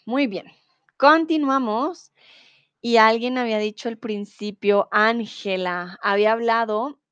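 A Colombian woman with a Bogotá accent gives a livestreamed Spanish lesson. She explains things slowly and patiently in a smooth, clear voice. She slips into English and German, and the sound is dry and close. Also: mid-range voice, no room sound. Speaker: Spanish teacher streaming.

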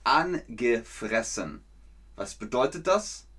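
Male German tutor, mid-pitched, speaks very slowly and plainly, repeats vocabulary and acts out emotions for learners. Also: expressive, fairly bright tone, slightly rough. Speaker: German teacher. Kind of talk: slow, clear language lesson for learners.

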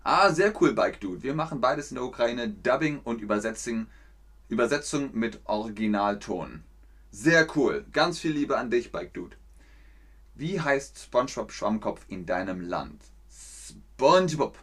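A man with a Rhineland German accent, hosting a casual livestream lesson and explaining things slowly, with repeats of key sentences. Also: mid-range voice, animated, a bit bright. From Cologne, Germany. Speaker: German teacher, livestream host.

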